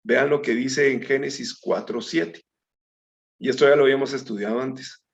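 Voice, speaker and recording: A man's voice: medium pitch, fairly even intonation, moderate pace, vocal fry. A man teaching a Bible study in a conversational way, calling his listeners brethren and reading scripture aloud. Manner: reads scripture aloud with small slips. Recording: dull lo-fi recording.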